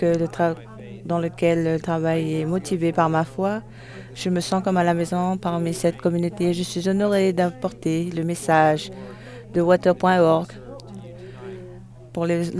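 An interpreter renders a formal speech live, phrase by phrase, halting and correcting herself or himself along the way. The voice is mid-range and a little mellow.

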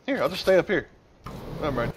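A man's voice: fairly high pitch, very animated, fast, a little hiss or hum. A man hosting a multiplayer let's play, joking with friends and talking to the game as he plays. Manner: playful, joking, yells at the game. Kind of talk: casual multiplayer gameplay chat.

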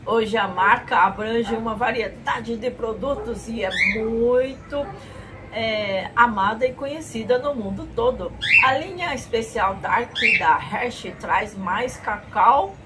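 A woman's voice: on the high side, slow. A middle-aged Brazilian woman presenting a food tasting vlog in a playful, exclamatory way, drawing out her words. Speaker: food review vlogger. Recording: clearly noisy room recording.

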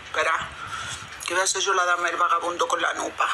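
A woman's voice: on the low side, level tone, fast talker. Andalusian woman chatting while chewing. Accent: Andalusian Spanish. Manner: chewing while talking, eating spaghetti. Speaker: livestream host. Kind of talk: casual livestream chat. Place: home dining area, indoors. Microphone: phone at arm's length. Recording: clearly noisy phone livestream.

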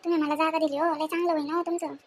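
A woman, acting as a sharp-tongued, fearless village woman in an amateur family skit, scolding and teasing in quick speech. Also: high voice, little pitch movement, slight background noise, close to an everyday voice. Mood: chatty.

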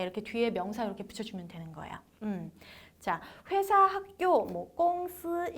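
Animated, high-voiced woman teaching Chinese. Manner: encouraging, demonstrates tones by sliding her voice up and down. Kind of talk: lively language lesson for beginners.

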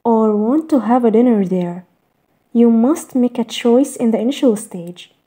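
A woman reading a scripted voice-over in a measured, even list-reading way, narrating step-by-step tips. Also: a little high. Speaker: narrator of a garden design slideshow.

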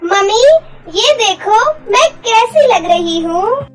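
A woman voicing a spoiled, vain stepsister in a cartoon story, shrill and wailing. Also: expressive, slow pace, loud music behind the voice, full character voice.

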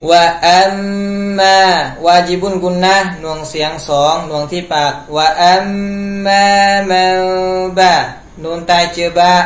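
A man teaches Quran recitation in a room at home, his voice sitting high. He recites a phrase and then patiently explains the pronunciation rules, step by step. The room is echoey, with faint background noise.

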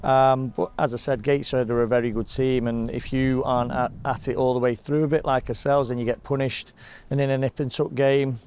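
Frustrated football manager, flat delivery. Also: male voice, mid-range voice, clean tone. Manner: measured, frustrated, plain-spoken. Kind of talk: post-match interview. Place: outdoors in front of a sponsor board.

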